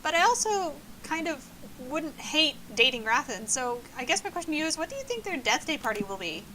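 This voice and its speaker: A woman's voice: high-pitched, sing-song, brisk, sharp tone, slight background noise, voice pushed up, exaggerated voice, poor audio. A woman voicing a bubbly, morbid party-girl ghost who talks in hyper, squealing exclamations.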